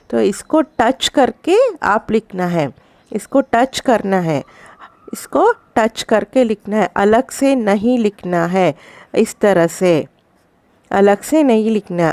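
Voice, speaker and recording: A woman's voice: mid-range voice, darkish tone, no room sound. A woman school teacher giving a recorded lesson to young children, explaining patiently and repeating each point. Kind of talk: recorded online class lesson.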